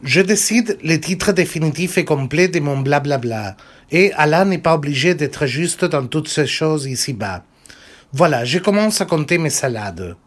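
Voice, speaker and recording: A man's voice: a little high, animated, unhurried. A man reading aloud as an insolent boy child soldier of about ten, telling his story bluntly with swearing and numbered points. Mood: defiant.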